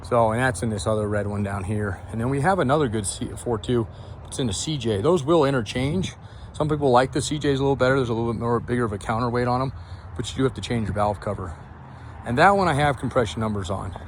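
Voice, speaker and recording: Man, parts seller walkaround, rambling casual delivery, mid pitch, light outdoor noise. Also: fast talker. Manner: rambling, trailing off mid-sentence. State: winded. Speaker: used Jeep parts seller.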